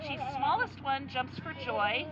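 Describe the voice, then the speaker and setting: A woman reading a picture book aloud to children outdoors at a farm, animated and coaxing them to make animal sounds. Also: high voice, a little slow. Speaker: storyteller at a petting zoo. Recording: dull lo-fi sound with a loud crowd of children.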